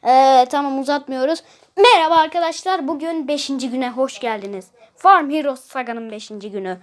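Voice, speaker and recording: A woman's voice: high voice, a little fast. A woman chatting casually while playing a mobile puzzle game, complaining about hard levels and humming to herself. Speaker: gameplay streamer. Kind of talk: casual gameplay commentary.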